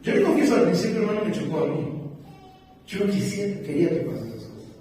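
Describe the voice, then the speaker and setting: A man's voice: high voice, big pitch swings, quick pace, mellow, faint music behind. A man preaching a sermon, telling stories and calling his listeners brothers. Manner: storytelling, addresses listeners as brothers. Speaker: pastor. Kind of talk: sermon with anecdotes. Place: church hall. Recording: echoey hall, mic far off.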